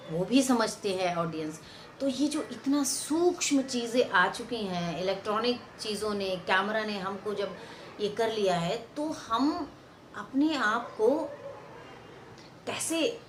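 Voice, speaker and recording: Expressive woman lecturing on acting. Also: a little high, reverberant, slight background noise. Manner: expressive, acts out example lines and stresses; repeats phrases for emphasis. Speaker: theatre and film actor giving a lecture.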